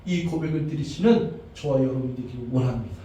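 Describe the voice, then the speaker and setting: A man's voice: medium pitch, a little fast, dark tone, slight background noise. A male pastor preaching a sermon and leading prayer, fervent and building to impassioned declaiming. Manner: fervent, rises to impassioned declaiming in repeated confessions. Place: church sanctuary. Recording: very echoey church hall, distant mic.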